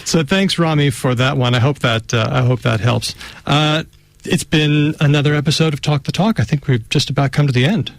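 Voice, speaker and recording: A man hosting a radio talk show, chatting in a relaxed way with lots of "uh" fillers. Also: a little high, fairly quick, gravelly, no echo. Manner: relaxed, chatty, many "uh" fillers, reads items aloud. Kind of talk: casual radio chat.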